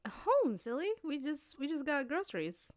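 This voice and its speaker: A woman's voice: sits high, sing-song, moderate pace, voice pushed up. A woman voicing a cheerful young redheaded girlfriend who talks sweetly and teases a little. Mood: affectionate. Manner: sweet, affectionate, lightly teasing.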